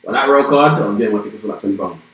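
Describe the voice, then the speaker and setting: A man's voice: on the low side, very fast, far from the mic, muffled recording. A young man from Manchester with a Mancunian accent, co-hosting a podcast with incredulous, slangy banter. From Manchester, England. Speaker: podcast co-host. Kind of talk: casual chat. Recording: echoey room with faint noise.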